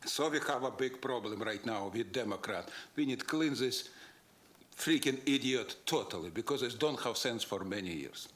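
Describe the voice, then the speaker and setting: A man's voice: mid-range voice, lively intonation, moderate pace, fairly bright tone. A man gives a combative public comment in broken, English, throwing out rhetorical questions. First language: not English. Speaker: public commenter at a council meeting.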